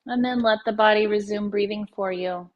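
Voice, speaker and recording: In this dull-sounding audio, a woman who teaches yoga nidra leads a meditation. Her medium-pitched voice barely rises or falls, and she moves slowly through her instructions with soft pauses in between.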